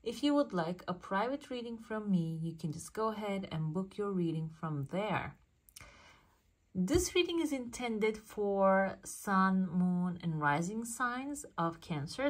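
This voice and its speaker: Woman fortune teller, mid-pitched voice, casual reading, musing and interpreting aloud for the viewer. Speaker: fortune teller, channel host. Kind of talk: casual coffee cup fortune-telling reading.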